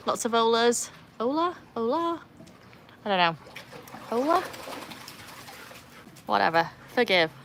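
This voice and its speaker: A young woman from Wales, with a mixed Welsh and English accent, hosts a casual outdoor livestream by a pool, chatting, reading comments aloud and laughing easily. Her voice is a little high and a bit bright, with big pitch swings, a slow pace and frequent pauses. There's a little hiss or hum.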